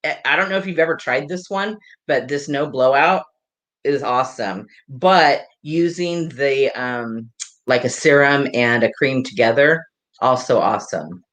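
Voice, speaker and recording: A hairdresser and salon owner gives a live hair tutorial, rambling, chatting and laughing with viewers. Her voice is a rumbling low one, a bit bright, and she speaks unhurriedly.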